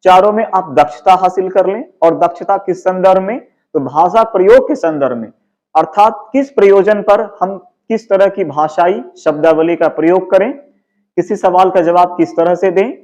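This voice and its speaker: A man's voice: high voice, moderate pace, darkish tone. A male teacher with a Hindi accent from Bihar, explaining exam answers and posing questions he then answers himself. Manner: explanatory, asks and answers his own questions.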